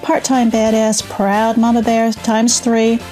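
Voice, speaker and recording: A woman's voice: a little high, monotone, takes it slowly, warm tone, faint music behind. A woman in her sixties with a New York accent, hosting a podcast in an enthusiastic, chatty way. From New York State. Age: 60s. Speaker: podcast host. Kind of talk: upbeat podcast intro and interview.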